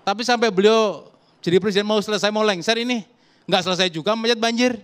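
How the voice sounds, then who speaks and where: Brief: male political pundit, rapid argumentative delivery. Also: sits high, clear, resonant tone. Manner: emphatic, lively argumentative. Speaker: political commentator guest. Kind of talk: talk show political debate.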